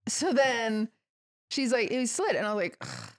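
A young woman with a fairly high voice tells gossipy stories in casual chat. She voices both sides of each conversation as she recounts it. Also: expressive, moderate pace. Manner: gossipy, acts out quoted dialogue. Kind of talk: casual chat, animated storytelling.

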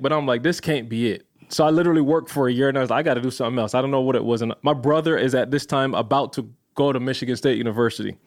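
A man from Barbados, a podcast guest, telling his story casually and acting out the voices in it. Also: medium pitch.

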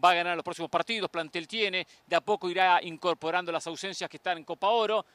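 A man's voice: sits high, fairly even intonation, quick pace, a bit bright, no echo. A man on a sports talk panel giving talkative analysis of football. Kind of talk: sports talk show discussion.

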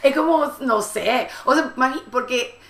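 A woman hosting a podcast in casual chat, playful and quick to laugh, slipping into English now and then. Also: high-pitched, gravelly. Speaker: podcast host. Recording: echoey room with faint noise.

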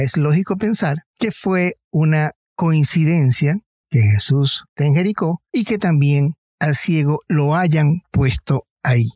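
A man's voice: on the high side, darkish tone, no echo, studio quality. A man giving a Bible reflection, explaining the passage and retelling the story vividly. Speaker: preacher.

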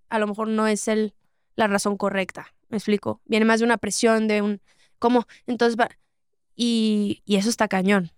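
A woman's voice: on the high side, clean tone, no room sound, clean studio sound. A young woman in her twenties from Monterrey with a Mexican accent, a guest talking thoughtfully in a casual interview, often saying "o sea" and "¿sabes?". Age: 20s. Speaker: guest, singer.

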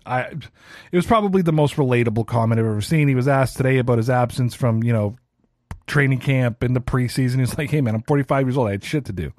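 On his solo sports rant podcast, a chatty man in his thirties speaks casually and self-deprecatingly. His voice is mid-range, recorded in studio quality with no echo.

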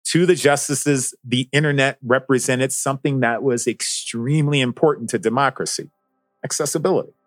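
A man's voice: medium pitch, fairly even intonation, normal speed, no room sound, soft background music. Man hosting a podcast in a dry studio. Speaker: guest host. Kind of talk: scripted podcast narration.

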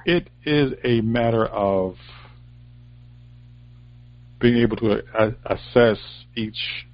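A man in casual discussion, arguing his points in a measured, deliberate way. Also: lowish voice, no echo. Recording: dry, dull lo-fi recording.

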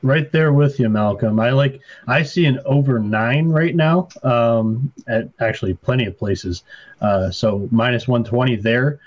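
A man co-hosting a betting podcast through a slightly muffled, lo-fi mic. His pitch is middling, and he works through numbers and records in a measured, steady way. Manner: rattles off stats in a measured way. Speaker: podcast co-host. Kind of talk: casual sports betting chat.

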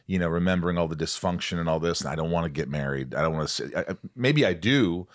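A man's voice: sits low, quick pace. A man in his late forties interviewing a friend in a casual, probing conversation. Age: 40s.

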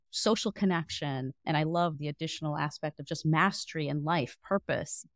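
Lower-voiced woman podcast host. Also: no room sound, studio quality. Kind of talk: conversational podcast interview.

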